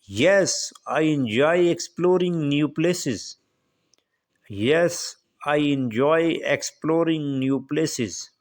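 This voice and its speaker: A man reading short question-and-answer practice dialogues for English learners, saying each line twice in a deliberate way. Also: fairly high pitch. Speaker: English teacher.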